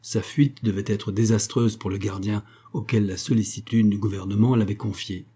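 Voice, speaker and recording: Brief: male audiobook narrator, husky and dark in tone, measured storytelling. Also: lowish voice, fairly even intonation. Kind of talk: scripted narration of a novel.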